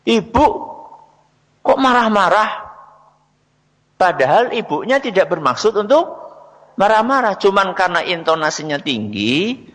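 A man's voice: high voice, bright, forceful tone, long reverb tail. A man giving a religious talk on parenting to an audience, asking questions and answering them himself. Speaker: religious speaker.

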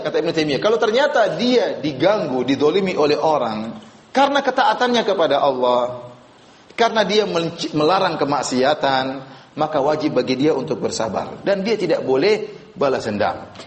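A man preaching a religious lecture to a live audience, casual and joking, quizzing the listeners. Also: on the high side. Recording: echoey room.

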